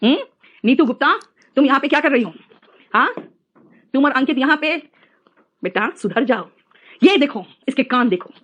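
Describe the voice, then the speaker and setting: Brief: middle-aged woman teacher, high-pitched, playful and scolding, lecturing a class. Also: moderate pace, long pauses. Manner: lively, teasing, mixes English phrases into talk. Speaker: English teacher.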